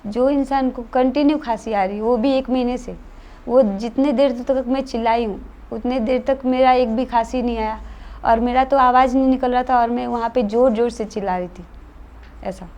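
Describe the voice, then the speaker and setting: As a guest in a casual interview, a woman relates a true event from her life, earnest and matter-of-fact. Her voice is a little high and darkish, steady in tone, at normal speed.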